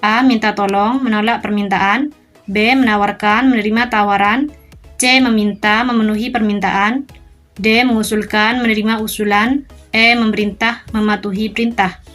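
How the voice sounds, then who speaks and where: Woman, mid-pitched, reads quiz items and answers in order, faint music underneath. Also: normal speed. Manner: steady, methodical dictation of options and answers. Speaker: teacher reading exam questions. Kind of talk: reading quiz questions and answers aloud.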